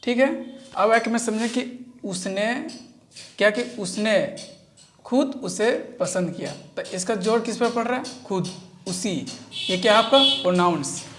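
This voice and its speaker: A woman teacher walks through a grammar lesson at a very slow pace. She repeats each example several times and asks questions that she then answers herself. Her voice sits at an ordinary middle pitch. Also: a little hiss or hum. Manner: repetitive, answers own questions, drawn-out words. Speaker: English teacher. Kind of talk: slow classroom-style grammar explanation.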